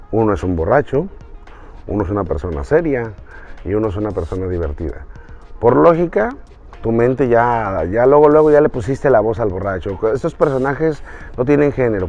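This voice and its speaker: A man gives a casual online voice-acting lesson, talking straight to the viewer. His pitch swings wildly as he demonstrates. The recording is dull and lo-fi, with faint music behind. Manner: animated, talks straight to the viewer, jumps between pitches. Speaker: voice-acting teacher, channel host.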